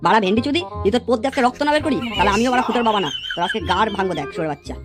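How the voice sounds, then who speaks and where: A woman's voice: a little high, lively intonation, rapid-fire, music in the background, lightly acted. Woman voicing a foul-mouthed raging cartoon father. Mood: scolding. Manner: swears constantly, yells and threatens. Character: crude hot-tempered middle-aged father, foul-mouthed. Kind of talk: cartoon voice acting.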